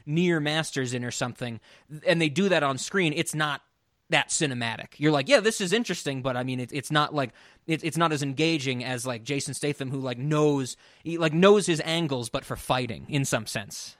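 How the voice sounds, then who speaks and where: A man's voice: medium pitch, normal speed, a bit bright, no room sound, studio quality. A man co-hosting a podcast, talking in a loose, rambling way with many restarts. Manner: laughs often. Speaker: podcast co-host. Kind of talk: casual chat.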